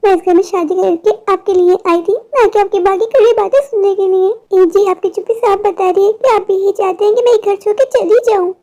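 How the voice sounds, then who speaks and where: A woman's voice: very high voice, steady tone, a little fast, few pauses, mellow. A woman voicing a defiant wronged daughter-in-law. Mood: pleading. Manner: indignant, complaining. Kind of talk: animated cartoon story voicing.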